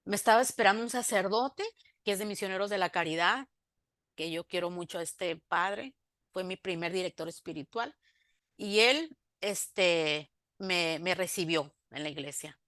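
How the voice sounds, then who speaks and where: A woman's voice: fairly low pitch, moderate pace, fairly bright tone, no room sound, studio quality. A woman, giving a faith testimony in an interview, telling her story by acting out both sides of the remembered conversations and turning emphatic when she preaches.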